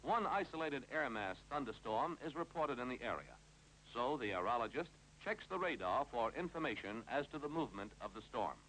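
An American man narrates a 1950s instructional film with clipped authority, his mid-range voice bright and forceful. His intonation rises and falls through each brisk instruction, while the low-quality old soundtrack adds faint noise and hum.

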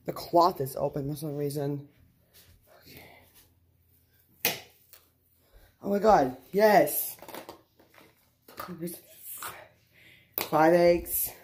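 A woman's voice: low-pitched, very slow, long pauses, darkish tone, slight background noise. A woman hosting a plush toy show, chattily narrating her toy play and talking to herself. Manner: chatty, talks to herself while acting out play.

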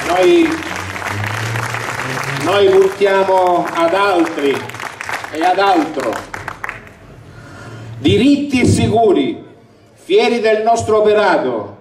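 An older man gives a declamatory, booming campaign speech from a balcony, reading with emphasis. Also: lively intonation, takes it slowly, pauses often. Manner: declamatory, emphatic delivery to a crowd. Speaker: election candidate. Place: outdoor balcony over a town square at night. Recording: roomy, distant, noisy outdoor rally recording.

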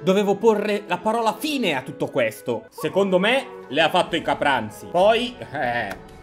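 A man dubbing and commenting an animated story, narrating it dramatically and breaking into joking asides. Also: high-pitched, moderate pace, soft background music. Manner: theatrical, swings into loud comic outbursts.

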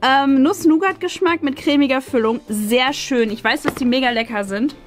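With a high-pitched voice at normal speed, this enthusiastic host in her thirties chats casually while opening an advent calendar. Soft music plays behind her in the small, furnished studio.

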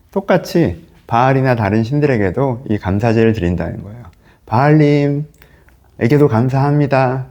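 A man's voice: medium pitch, creaky. A male pastor giving a conversational Bible teaching, talking straight to his listeners and acting out quoted voices. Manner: lively, acts out quoted voices, asks listeners questions.

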